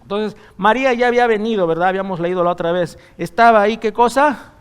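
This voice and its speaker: A man's voice: sits high, quick pace, smooth. A man preaching a sermon in church, in a conversational way, often asking the congregation rhetorical questions. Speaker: pastor.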